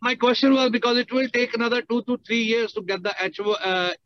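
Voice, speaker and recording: A man's voice: very high-pitched, fairly quick, fairly bright tone, dry recording, dull audio. A man calling in on a car speakerphone while he drives, steadily and carefully explaining his question in detail. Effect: car speakerphone while driving. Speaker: caller asking a question. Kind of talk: casual question on a call.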